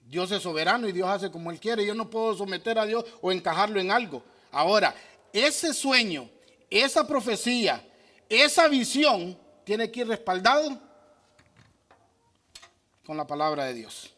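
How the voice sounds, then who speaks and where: A man's voice: high-pitched, expressive, moderate pace, sharp tone. A man preaching as pastor, answering questions from the congregation in an emphatic way that asks and answers his own questions. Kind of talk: sermon with audience questions.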